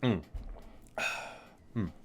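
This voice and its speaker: An ASMR video creator, a man with a darkish tone and drawn-out words, reads aloud from a game guidebook over a little hiss or hum. He adds casual asides and stumbles over words, correcting himself as he goes.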